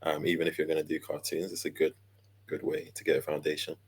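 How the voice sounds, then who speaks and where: A man, chatting easily as an interview guest, relaxed and full of fillers and small laughs. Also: very deep voice, fast talker, breathy edge. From London, England. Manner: laid-back, easygoing, with many fillers and laughs. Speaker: guest, character designer and illustrator. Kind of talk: casual interview chat.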